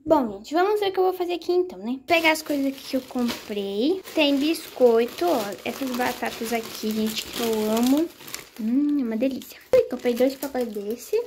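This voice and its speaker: A woman with a high, light voice chatting casually to the camera. She talks in a friendly, affectionate way and holds up one item after another as she goes. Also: normal speed, a little mellow, a little hiss or hum. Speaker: channel host playing mother to dolls. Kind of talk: casual vlog chat.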